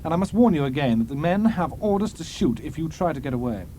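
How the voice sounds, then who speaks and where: A man's voice: fairly high pitch, animated, fast talker, mellow, a little hiss or hum, pitched above the performer's own voice, close to an everyday voice. A man voicing a sunburnt young British army officer who questions a prisoner in a curt, commanding way. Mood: stern.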